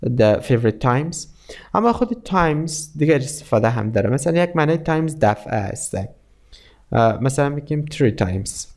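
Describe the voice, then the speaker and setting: A man teaching an English lesson, explaining in Persian and reading English text aloud very slowly. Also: a little high, sing-song. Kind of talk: language lesson.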